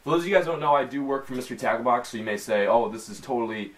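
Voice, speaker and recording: Sitting at a desk in his small bedroom, a young Midwestern American man unboxes fishing tackle in a rapid-fire, mid-range voice with a steady tone. He talks casually, loaded with slang and fillers.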